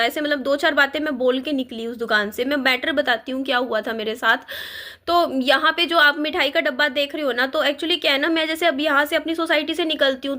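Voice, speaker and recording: A woman's voice: sits high, pushed and bright. A woman, telling an indignant storytime vlog with many fillers. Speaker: vlogger.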